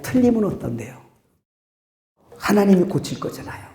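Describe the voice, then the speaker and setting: A man preaching a sermon as pastor, swinging between loud outbursts and quiet asides, laughing at his own jokes. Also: sits high, sing-song, moderate pace, creaky, roomy sound.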